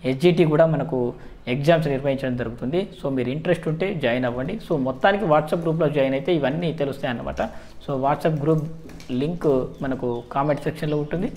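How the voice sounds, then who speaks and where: Fast-talking Telangana man mixing Telugu and English. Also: fairly high pitch, darkish tone. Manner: Telugu mixed with frequent English words. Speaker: job-exam advice video host. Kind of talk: informal explanatory commentary to viewers.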